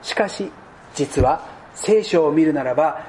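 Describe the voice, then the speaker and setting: A man with a high-pitched voice gives a deliberate sermon as pastor. He lets his voice sink soft and low to land his points. A faint hum of room ambience sits behind him. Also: lively intonation. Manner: slow deliberate preaching, dropping to soft low tones.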